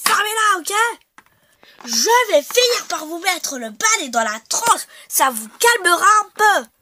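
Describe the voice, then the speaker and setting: A woman voicing a cranky, fussy old housekeeper in a toy-figure stop-motion video, shouting and scolding in a shrill voice. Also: big pitch swings, a little slow, exaggerated voice. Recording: loud background hiss.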